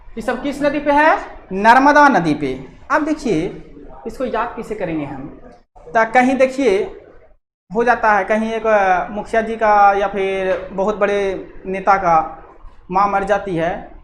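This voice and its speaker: A woman teacher, giving a chatty exam-prep lesson built on memory tricks and playful scolding quips. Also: on the high side. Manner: chatty, switching between explaining and acted scolding quips. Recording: echoey room with faint noise.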